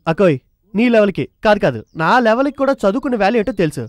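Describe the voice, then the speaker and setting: An actor playing a cheeky, meddling comic uncle in a film comedy scene, teasing and wisecracking. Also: male voice, sits high, big pitch swings, very fast. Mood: wheedling. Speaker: comic relief.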